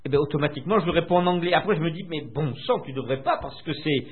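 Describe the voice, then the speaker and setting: An older French man being interviewed, recalling his past in a hesitant way with many filler pauses, heard over a tinny phone line. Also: on the high side, breathy edge. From France. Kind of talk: recounting memories in conversation.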